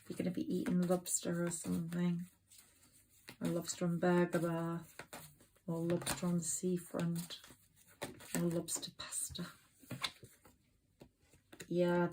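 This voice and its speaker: Female tarot reader, slow even delivery, gushing and sentimental. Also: fairly low pitch, a little hiss or hum, rough recording. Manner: effusive, rambling, sentimental. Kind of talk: tarot card reading to camera.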